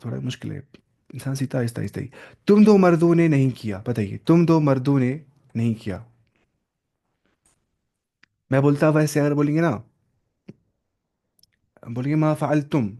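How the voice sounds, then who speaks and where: A man's voice: mid-range voice, mellow. A male teacher giving an online grammar lesson, patiently drilling and repeating verb forms aloud. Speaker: Arabic teacher.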